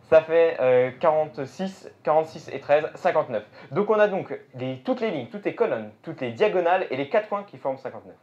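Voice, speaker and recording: A man's voice: on the high side, lively intonation, fairly quick, hardly any pauses, darkish tone. A man performing live magic show patter, thinking aloud and addressing the audience. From France. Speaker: stage magician. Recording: dull lo-fi show recording with music. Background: music.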